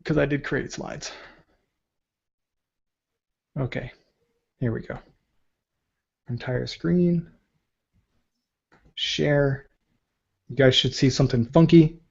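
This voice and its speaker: A man's voice: medium pitch, takes it slowly, creaky, pauses often, dull audio. A man in his thirties presenting an online training talk, rambling and earnest, with many fillers and restarts. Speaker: webinar presenter.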